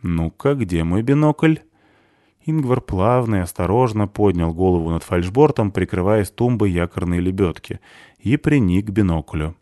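A man narrating an audiobook in a calm, even storytelling manner. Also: sits low, moderate pace, no room sound, studio quality.

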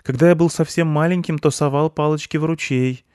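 Man doing a high curious little boy, asks everything, dry close sound. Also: steady tone, fairly quick, darkish tone, smooth, no room sound, lightly acted. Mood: eager. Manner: eager, questioning. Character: young boy, curious and eager.

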